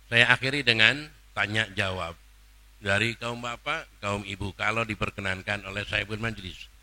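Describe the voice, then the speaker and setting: Male preacher coaxing his congregation, stretching out the chants, sharp bright voice. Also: on the low side, fairly even intonation, normal speed, no echo. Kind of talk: sermon leading a congregation in prayer. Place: religious gathering.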